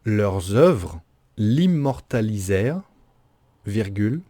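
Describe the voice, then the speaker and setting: Man dictating very slowly, mellow voice. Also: lowish voice, big pitch swings. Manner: deliberate, carefully articulated, repeating each phrase. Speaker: teacher giving a dictation. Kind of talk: dictating slowly, phrase by phrase with punctuation spoken.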